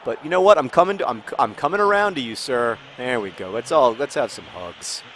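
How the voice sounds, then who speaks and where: A man's voice: mid-range voice, lively intonation, a little fast, fairly bright tone, a little hiss or hum. A man hosting a gaming video, chatting casually and rambling with joking asides while he plays.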